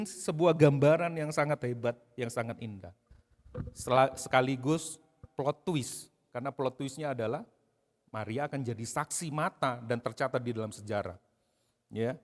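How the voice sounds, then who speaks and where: Animated male pastor preaching in a hall. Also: medium pitch. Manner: storytelling, animated, addresses congregation directly. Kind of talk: sermon. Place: church hall. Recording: long reverb in a hall.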